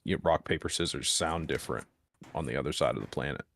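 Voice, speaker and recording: Low voiced american guy chatting, explains stuff at length and pushes his point. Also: fast, creaky, fairly bright tone, a little hiss or hum. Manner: insistent, explains in detail. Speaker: podcast co-host. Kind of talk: casual chat about card games.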